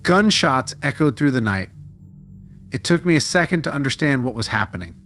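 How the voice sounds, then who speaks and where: A man giving a steady, dramatic scripted narration of a true-style horror story. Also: mid-range voice, moderate pace, faint music behind.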